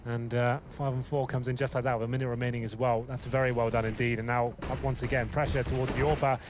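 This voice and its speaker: A man's voice: mid-range voice, level tone, fast talker, faint music behind. A man commentating an esports match as a caster, giving flowing, analytical play-by-play.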